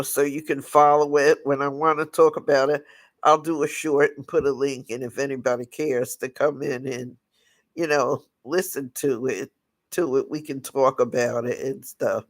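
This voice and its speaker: This American channel host has a raspy, mid-range voice and hosts a casual livestream talk. His speech is halting, full of restarts, and the audio has no echo.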